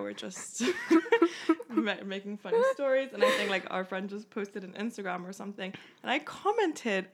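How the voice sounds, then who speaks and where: A young woman with a mid-pitched voice, a guest in a relaxed chat. She tells her story loosely and keeps breaking into giggles. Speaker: podcast guest. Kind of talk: casual chat.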